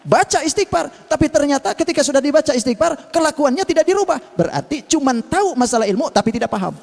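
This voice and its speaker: A man with an Indonesian accent preaching a dawn sermon in a mosque, telling a story with lively swings between low asides and raised exclamations. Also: fast, vocal fry. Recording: long hall reverb.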